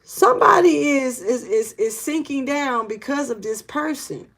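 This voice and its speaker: A tarot reader gives a casual spiritual reading in a high-sitting, fairly bright voice with lively intonation and a slightly slow pace. She is loose, rambling and blunt, slinging slang and curses, earnest and urgent, with frequent repeats and restarts.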